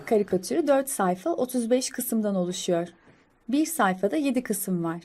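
A woman reading an audio description of a children's comic, slow, careful and even. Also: fairly high pitch, loud music behind the voice.

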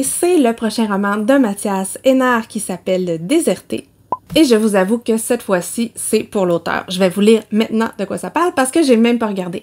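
A woman's voice: medium pitch, darkish tone. A woman with a Québécois accent, chatting casually about new novels as a book vlogger, self-mocking and laughing often. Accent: Québécois French. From Quebec.

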